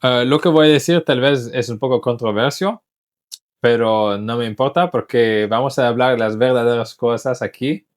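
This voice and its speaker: A man's voice: mid-range voice, moderate pace. A man whose first language is English, an English teacher talking casually in Spanish, thoughtful, often restarting words as he searches for them. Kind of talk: casual talk to camera.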